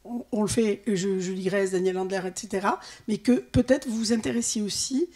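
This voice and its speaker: A woman's voice: mid-range voice, brisk, mellow. Female film scholar, average register, explaining a point spontaneously at an academic talk.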